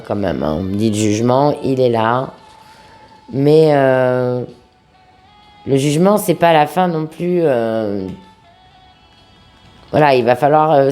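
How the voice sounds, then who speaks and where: A woman with a sick-sounding voice giving an informal tarot reading to viewers, speaking familiarly and affectionately, with halting pauses. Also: extremely low pitch, mellow, soft background music. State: sick-sounding voice, under the weather. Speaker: tarot reader, host of a video channel.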